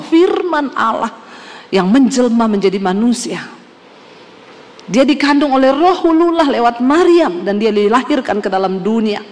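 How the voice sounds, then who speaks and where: A woman pastor from Indonesia giving an earnest sermon testimony, telling her story with feeling. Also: high voice. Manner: earnest storytelling, acts out her father's and mother's words. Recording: hall reverb.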